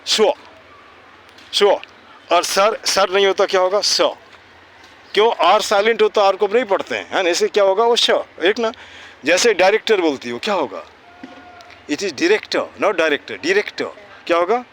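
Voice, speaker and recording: Outdoors, a man with an Indian English accent teaches children English pronunciation, asking questions and answering them himself. His voice is high-pitched, animated, brisk, and a bit bright, and he keeps tagging phrases with "है ना" as a check.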